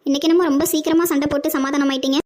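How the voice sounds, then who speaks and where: A woman voicing a gentle young wife in a Tamil cartoon, talking softly and pleading. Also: sits high, steady tone, racing, natural voice. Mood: cheerful. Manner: soft and pleading.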